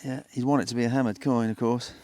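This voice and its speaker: A British man in his fifties, a metal detecting vlogger, chats casually and in an understated way to viewers while out in an open grassy field. His medium-pitched voice is a little mellow, with fairly even intonation and a quick pace, and there's no echo.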